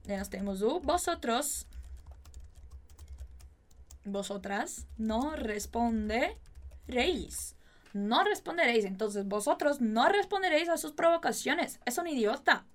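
A woman, a native Portuguese speaker, teaching a Spanish lesson, saying drill sentences slowly and chatting between them. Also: high voice, expressive. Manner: slow, exaggerated drill phrasing, chatty asides.

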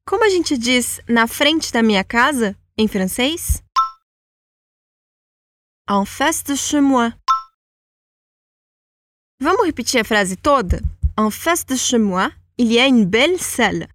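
High-voiced woman teaching French slowly. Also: expressive, fairly bright tone, no room sound. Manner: slow, careful model sentences for repeating. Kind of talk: language lesson with repetition drills.

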